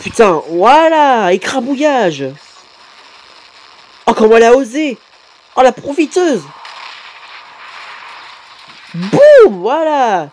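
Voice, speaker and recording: A man's voice: extremely high pitch, takes it slowly, pauses often. Guy reacting to fan videos, keeps blurting out exclamations, swears a lot, pretty hyped. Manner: excitable, punctuates with exclamations and swearing. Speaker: YouTuber reacting to fan animations. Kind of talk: live reaction commentary.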